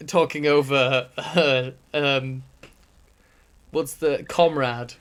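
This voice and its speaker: A man co-hosting a podcast, talking casually in an animated, jokey way and swearing freely. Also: medium pitch, drawn-out words. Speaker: podcast co-host. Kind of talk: casual chat.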